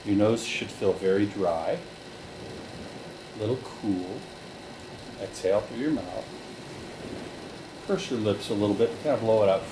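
Calm man guiding slow breathing. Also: on the low side, background noise. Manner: slow, calm step-by-step directions with fillers. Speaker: relaxation group leader. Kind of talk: guided breathing instruction.

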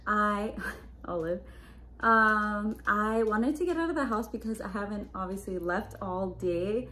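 A lifestyle vlogger in her twenties chats casually to the camera from her living room and bedroom, upbeat and sprinkling in plenty of "like" and "just." Her medium-pitched voice sounds pushed and bright, and she speaks at a measured pace.

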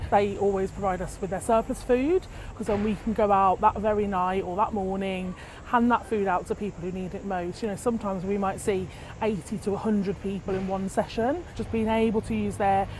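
A woman's voice: medium pitch, background noise. A woman speaking for a food charity, passionate and emphatic. She is recorded outdoors in a city park, faint urban ambience and vehicles behind her. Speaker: charity representative. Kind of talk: interview answers.

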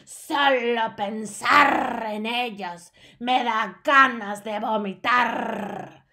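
Woman doing a gravelly screeching grand witch. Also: on the high side, bright, forceful tone, pitched above the performer's own voice, full character voice. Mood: screeching hateful. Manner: slow, drawn-out shrieking declarations. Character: furious screeching grand witch, female, hateful leader. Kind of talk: storybook read-aloud.

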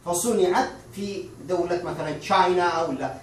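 A man teaching a lesson, explaining patiently and repeating examples, slowing down on the English phrases. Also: sits high, a little hiss or hum. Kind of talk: online language lesson. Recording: very echoey room, far from mic.

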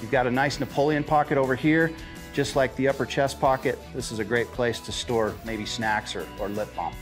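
A middle-aged man, a ski shop salesman, giving a steady, friendly product demonstration of a jacket. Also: medium pitch, fairly quick, faint music behind.

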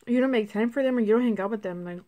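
Talking very fast in a fairly high, mellow voice, a twenties woman does a casual mukbang chat to camera from a small room at home, chewing between filler-laden ramblings. The phone sits at arm's length on the table, and the recording is muffled, with background noise and clicks.

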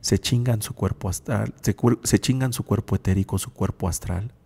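Deep-voiced man hosting radio. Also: moderate pace, creaky, warm tone, slightly rough, in a large hall. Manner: reflective, keeps asking "sí?". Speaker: radio host psychologist. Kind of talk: spiritual talk radio.

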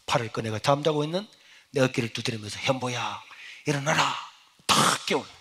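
A middle-aged male pastor, giving an emotional sermon testimony that swings from hushed to loud. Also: mid-range voice, fast, breathy edge.

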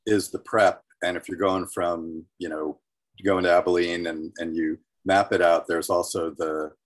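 A man talking over a video call whose connection keeps breaking up, hesitant with many restarts. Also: low voice. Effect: choppy video-call connection breaking up. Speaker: call participant. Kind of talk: casual meeting chat.

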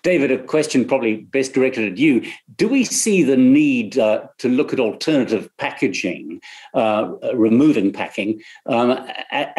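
A man moderates a panel discussion over video call. His voice is mid-range in pitch. He puts his questions in a measured, courteous way. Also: a little mellow.

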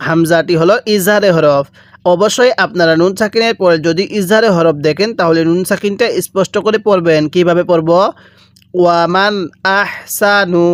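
A man teaching Quran reading, with a Bangladeshi Bengali accent, who explains each word and then draws out the recitation slowly and repeats it for students to follow. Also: high-pitched, no room sound, clean studio sound. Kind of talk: slow step-by-step recitation lesson.

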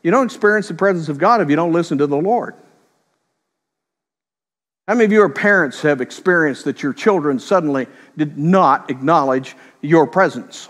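A middle-aged pastor preaches a sermon in a large hall, telling stories conversationally and slipping into quick voiced quotes. His voice is a little high with a fairly bright tone.

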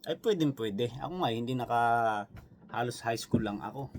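Working through viewer comments, this New Zealand–based Filipino vlogger chats in a Visayan accent, wandering off on asides and leaning on fillers. He has a medium-pitched voice with lively intonation and a moderate pace. There's some background noise.

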